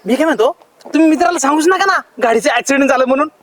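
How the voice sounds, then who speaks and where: A man's voice: very high-pitched, rapid-fire, noisy background. A man acting in a village serial, pleading his side in a roadside quarrel. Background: background music.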